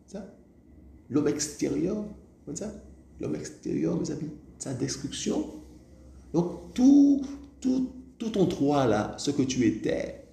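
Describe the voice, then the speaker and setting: A man's voice: mid-range voice, vocal fry, warm tone. A man preaching a sermon, who keeps asking his listeners whether they see it, calls them "my friends", and restarts his words often. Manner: repeats "vous voyez ça?" and "mes amis", with stammering restarts. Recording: echoey room with faint background noise.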